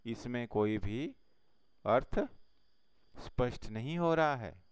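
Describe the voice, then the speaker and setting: A man teaching a Hindi grammar lesson, explaining slowly step by step with pauses. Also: medium pitch, animated, smooth, dry recording.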